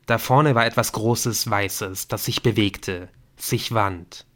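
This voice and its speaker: A man narrating a German audiobook in a steady storytelling manner. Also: fairly low pitch, takes it slowly. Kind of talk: scripted narration.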